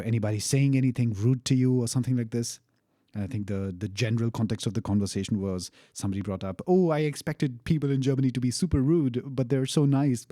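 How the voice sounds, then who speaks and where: A man's voice: fairly low pitch, dark tone, no room sound, studio quality. A young man casually telling a personal story, candid and profane, laughing now and then. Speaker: storyteller recounting a travel experience.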